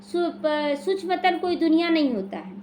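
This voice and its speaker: An Indian woman speaks in an extremely high, animated yet slightly mellow voice at a moderate pace, teaching a devotional class about the daily murli in a small prayer hall. She explains scripture and answers questions she poses, and a little hiss or hum is audible.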